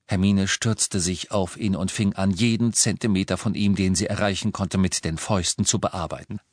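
A man narrating a novel as an audiobook, with an expressive, dramatic reading. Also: deep voice, moderate pace, no echo.

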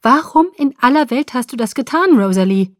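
A woman voicing a quick, sharp-tongued young woman in an audiobook, speaking hastily in a raised, cutting voice. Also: mid-range voice, dry recording, clean studio sound, close to an everyday voice. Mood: angry. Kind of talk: audiobook character reading.

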